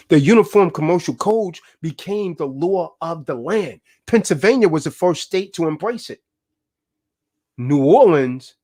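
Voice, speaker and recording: A man's voice: on the high side, darkish tone. A man giving a fiery, preachy lecture, full of emphatic rhetorical questions. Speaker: speaker teaching about contracts.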